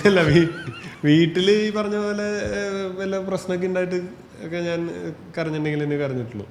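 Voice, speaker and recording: A man with a Malayali accent recalling memories haltingly in a casual group chat. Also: a little high, darkish tone. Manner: halting, self-correcting recollection. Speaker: comedy podcast panelist. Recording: echoey room, long reverb, faint noise.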